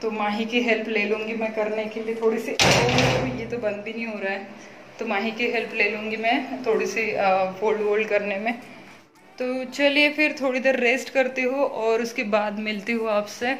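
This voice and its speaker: A woman in her thirties vlogging at home, talking quickly and chattily with many fillers as she cooks and does chores; her first language is Marathi. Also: on the high side, fairly even intonation, fairly bright tone, slight background noise. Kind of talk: casual home vlog, cooking and chores.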